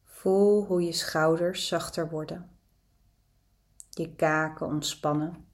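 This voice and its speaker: A woman leading a guided meditation, giving calm, gentle, soothing instructions with long pauses between them. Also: deep voice.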